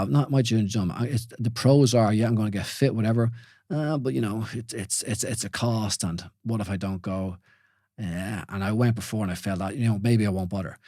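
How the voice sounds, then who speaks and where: A forties-aged man from Ireland speaks in a mellow voice on the low side while hosting a solo reflective podcast. His style is casual and questioning, with lots of restarts and repeated "you know?" to his audience. The studio-quality recording has no echo.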